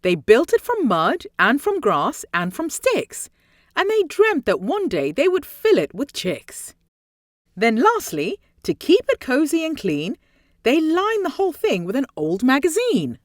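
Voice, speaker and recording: Reading a rhyming story for children, this high-pitched woman performs it theatrically, with deliberate phrasing and dramatic emphasis. The studio-quality audio has no echo.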